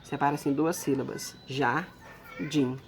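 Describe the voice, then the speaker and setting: A woman teaching a recorded lesson in a low, deep-set voice. She speaks slowly and patiently, walking through each step and pausing to check that her students are following. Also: gravelly, a little hiss or hum.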